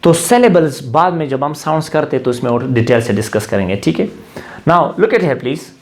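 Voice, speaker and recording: A man teaches a grammar lesson with a lively pitch that swings up and down. He keeps quizzing his listeners and answering himself. He switches between his own language and English phrases as he explains. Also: moderate pace. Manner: asks the class questions and answers them himself, slips into English phrases. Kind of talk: classroom-style grammar lecture.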